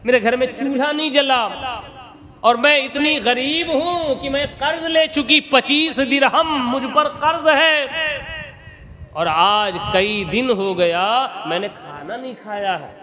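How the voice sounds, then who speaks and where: A proud, stubborn old widow, as a preacher puts her on, snapping back in a high voice with sharp, scolding retorts. The crowd of a live religious gathering is clearly heard around the voice. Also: in a large hall.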